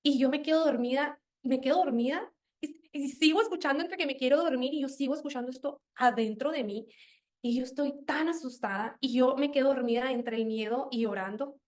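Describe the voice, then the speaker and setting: A young woman giving an earnest, animated personal faith testimony, often quoting her own past words. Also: high voice, fairly quick.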